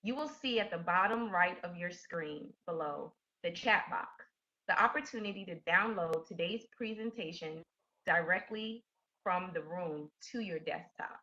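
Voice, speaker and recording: Introducing a coach, a woman hosting a webinar reads a scripted announcement in a bright but lowish voice at a measured pace. Her web conference audio sounds dull and lo-fi.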